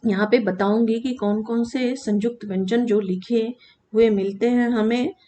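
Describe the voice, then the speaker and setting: Woman teacher drawing out sounds slowly. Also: fairly high pitch, fairly even intonation, dark tone. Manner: slow, drawn-out demonstration of sounds; addresses children, asks and answers own questions. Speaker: Sanskrit teacher. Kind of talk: classroom lesson explanation.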